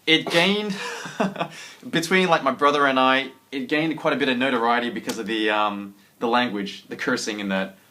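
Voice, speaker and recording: A man's voice: mid-range voice, normal speed, sharp tone. A man co-hosting a casual podcast chat, rambling and hesitant, with many fillers. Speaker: co-host. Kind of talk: casual chat about a TV trailer.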